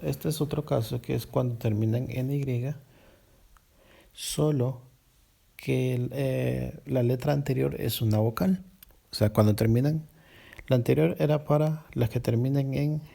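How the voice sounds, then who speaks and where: A man teaching an English grammar lesson in Spanish, going slowly, repeating words and correcting himself as he explains. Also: medium pitch, fairly even intonation, gravelly, mellow. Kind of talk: recorded classroom lesson.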